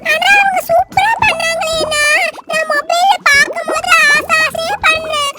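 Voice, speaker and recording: A woman's voice: very high voice, steady tone, normal speed, music in the background, pitched above the performer's own voice. A woman voicing a bubbly, whiny little girl who is the younger sister in a doll show, pleading in a sing-song way. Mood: puzzled.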